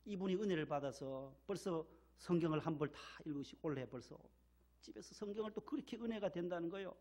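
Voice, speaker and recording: A man's voice: on the high side, expressive, quick pace, darkish tone. A man from the region of Korea, a pastor, delivering a sermon in a church and stressing key words by repeating them. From Gyeongsang region, Korea. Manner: emphatic, repeats key words, leads call-and-response. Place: church sanctuary.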